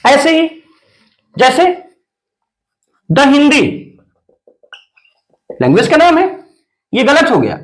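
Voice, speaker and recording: A man's voice: extremely high pitch, wildly swooping pitch, slow, long pauses, poor audio. A man teaching English grammar in Hindi, working through examples and asking the listener rhetorical questions. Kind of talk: classroom-style grammar explanation.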